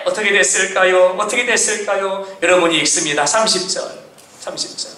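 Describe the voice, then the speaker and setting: A male pastor preaching a sermon, with emphatic repeated refrains, shouted lines and calls for amen. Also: high-pitched, a little fast, a little hiss or hum. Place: church sanctuary. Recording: echoey church from a distance.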